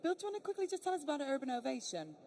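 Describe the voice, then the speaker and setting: A woman's voice: high-pitched, sing-song, rapid-fire, darkish tone, a little hiss or hum. Chatty woman moderating a panel. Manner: chatty, with frequent fillers. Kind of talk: conversational moderating.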